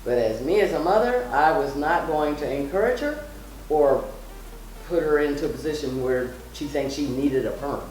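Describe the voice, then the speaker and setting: A middle-aged mother appearing on her daughter's vlog shares personal stories and advice, casual but emphatic, repeating phrases to drive points home. Her voice is low and expressive at a normal speed. The room is very echoey, the mic distant, with faint noise.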